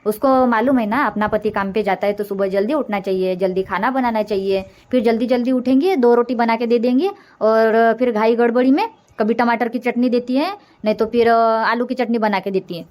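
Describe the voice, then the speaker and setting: A woman's voice: fairly high pitch, fairly even intonation, brisk, darkish tone, lightly acted. A woman voicing a nagging older village mother-in-law in a comic cartoon, rambling and scolding as she complains. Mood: complaining.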